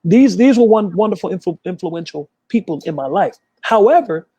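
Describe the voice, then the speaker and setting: Interview guest, man, slightly high voice, dry close sound, fast animated storyteller. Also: breathy edge, dry recording. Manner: quick, emphatic, acts out quoted voices. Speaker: interview guest, gospel artist. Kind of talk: candid storytelling.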